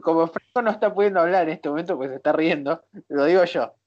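A woman's voice: sits low, fast talker, a little mellow, dry recording, lo-fi sound. A woman with a Rioplatense accent in a casual podcast chat, hesitant and thoughtful, with many fillers. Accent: Rioplatense Spanish. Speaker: podcast co-host.

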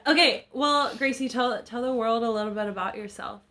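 A woman's voice: on the high side, fairly quick, sharp tone. A woman in her twenties hosting a podcast at home, chatting casually with a friend, joking and teasing with lots of fillers. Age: 20s. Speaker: podcast host. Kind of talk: casual chat.

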